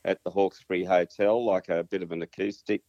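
Low-pitched Australian man, hesitant and casual. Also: little pitch movement, brisk. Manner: hesitant, rambling, self-deprecating. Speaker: interview guest, musician and singer. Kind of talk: casual conversational interview. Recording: muffled, roomy sound.

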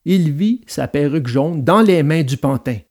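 A man narrating a children's storybook aloud in an expressive, dramatic read-aloud manner. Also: fairly high pitch, normal speed.

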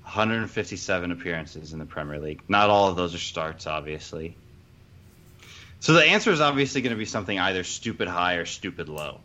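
A man chatting casually as a podcast panelist, thinking aloud in a halting way, on a dull recording. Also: deep voice, animated, sharp tone. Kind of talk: casual football discussion.

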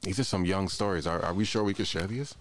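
This is a man with a fairly low voice hosting a podcast. His talk is casual and conversational, sprinkled with slang. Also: fast, dry recording. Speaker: podcast host.

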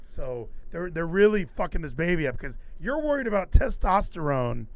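A man hosting a podcast with casual comedic commentary, ranting in an animated, sarcastic way. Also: a little high, moderate pace, no room sound. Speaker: podcast host.

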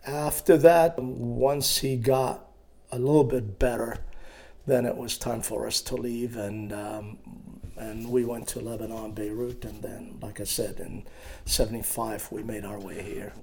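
A man in his sixties from Iraq, telling his life story in an interview with a hesitant, halting manner and many fillers. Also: medium pitch, fairly even intonation, gravelly, darkish tone. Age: 60s. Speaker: guest.

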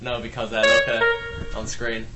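A young man co-hosting a podcast. He fires off dry, joking quips in a middle-pitched voice. Loud keyboard music plays behind him. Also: completely flat delivery, moderate pace. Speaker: podcast co-host. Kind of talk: casual banter.

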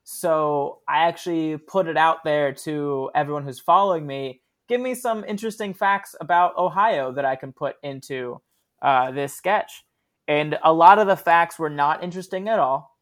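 A man's voice: fairly high pitch, normal speed. A man, a sketch comedian, chatting casually as an interview guest, laughing often as he tells stories. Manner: laughs often, relaxed storytelling with fillers.

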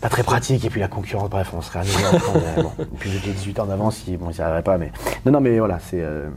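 Fast-talking man, low and dark. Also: lively intonation, a crowd in the background. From Paris, France. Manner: rapid and emphatic, full of restarts and rhetorical questions. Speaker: guest. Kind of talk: candid conversational interview.

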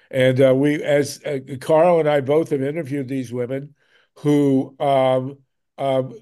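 A man hosts a talk show over a video call, his mellow, mid-range voice growing emphatic and repeating words whenever something moves him.

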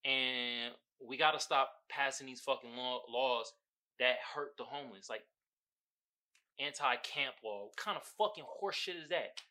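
A man hosting his own podcast, ranting in a casual, profane, animated way that rambles. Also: medium pitch, a little slow. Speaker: podcast host.

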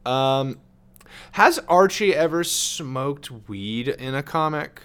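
Animated, lively-voiced man on a podcast. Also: fairly high pitch, slow, clean tone. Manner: animated, swearing, excitable. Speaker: podcast co-host. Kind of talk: casual podcast chat.

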